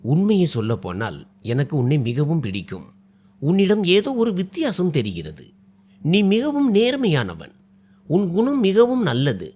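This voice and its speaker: A man voicing a widowed woman landowner who coaxes and teases gently, in a slightly lower tone than his narration. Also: huge pitch swings, moderate pace. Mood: tender. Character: widowed woman landowner, older, teasing and affectionate. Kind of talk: storytelling dialogue.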